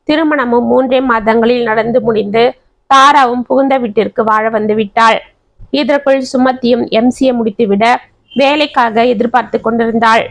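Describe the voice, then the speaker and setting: ஒரு பெண் கதைசொல்லி, குடும்பக் கதையை நிதானமாகவும் உணர்வுடனும் வாசித்துச் சொல்கிறார். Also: female voice, fairly high pitch, no echo. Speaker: storyteller. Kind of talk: scripted story narration.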